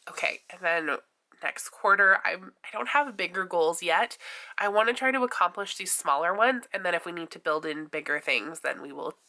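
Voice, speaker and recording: Woman, bright voice, nasal from a cold, chatty, lots of "like", easy laughs. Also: on the low side, animated, moderate pace. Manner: rambling, says 'like' a lot, laughs easily. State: stuffy nose from a cold. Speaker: planner and budgeting vlogger. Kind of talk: casual chatty vlog.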